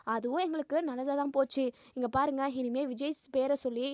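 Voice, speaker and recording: Woman voicing older grandmother, stern, scolding, high-pitched, dry. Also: steady tone, a little fast, no room sound, lightly acted. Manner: firm, scolding.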